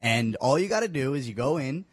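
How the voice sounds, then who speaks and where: Co-host: mid-pitched young man, easygoing storyteller, dry close mic. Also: expressive, brisk, slightly rough, dry recording. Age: 20s. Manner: easygoing storyteller, explains at length. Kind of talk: casual podcast chat.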